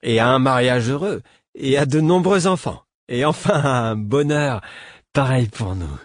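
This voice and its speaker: A man's voice: mid-range voice, lively intonation, unhurried, no room sound, studio quality, pitched above the performer's own voice, close to an everyday voice. A man voicing a tipsy, overjoyed young man in love, talking in an eager, exuberant way in a storybook reading. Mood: tipsy joyful.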